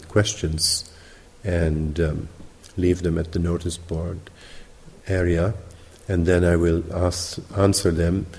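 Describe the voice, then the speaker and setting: A man with a mixed British, Dutch and Sinhalese accent, teaching meditation at a retreat in measured, explanatory phrases with pauses. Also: sits low, warm tone. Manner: measured, explanatory, pausing between short phrases. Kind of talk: spoken retreat instruction. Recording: reverberant hall.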